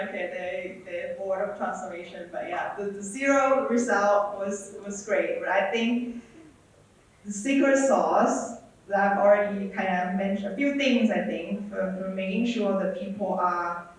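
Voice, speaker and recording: A man from Thailand answering interview questions, hesitant, often repeating words and adding fillers. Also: sits high. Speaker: guest speaker. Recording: echoey hall, speaker far from mic.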